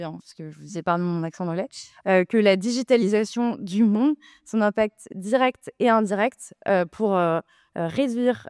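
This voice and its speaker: A woman's voice: mid-range voice, darkish tone, clean tone, no echo, studio quality. A woman arguing in a debate, hesitant with many filler sounds but insistent. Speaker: debate speaker, co-president of a data nonprofit. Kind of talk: debate argument.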